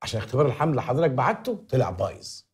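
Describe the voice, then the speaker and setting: Actor playing a fast-talking scheming fixer. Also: male voice, mid-range voice, big pitch swings, close to an everyday voice. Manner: rapid, persuasive, conspiratorial. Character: scheming fast-talking fixer, always smoothing over trouble. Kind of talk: TV comedy drama acting.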